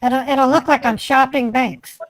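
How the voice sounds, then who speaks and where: A man's voice: very high-pitched, fairly even intonation, unhurried, a bit bright, pitched above the performer's own voice, heavily acted, low-quality recording. A man putting on the voice of a stubborn, irritated woman bank customer who argues insistently and keeps repeating herself in an improvised phone prank.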